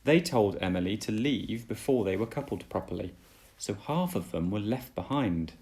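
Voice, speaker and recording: With a voice that sits low and has a darkish tone, a man reads a children's book aloud in a dad-like way, deliberate and dramatic.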